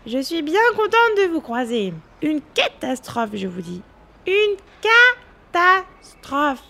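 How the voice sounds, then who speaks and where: A woman's voice: high voice, big pitch swings, normal speed, creaky, pitched above the performer's own voice, full character voice. A woman voicing a fussy, dramatic old female arctic wolf who exaggerates everything and speaks with indignant exclamations.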